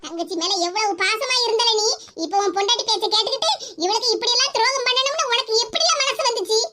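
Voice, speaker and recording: A voice actor doing a shrill fierce old mother. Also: quick pace, heavy background noise. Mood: accusing. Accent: southern Tamil. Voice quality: high, shrill, accusing. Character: fierce old mother, scolding her son. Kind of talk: cartoon comedy dubbing.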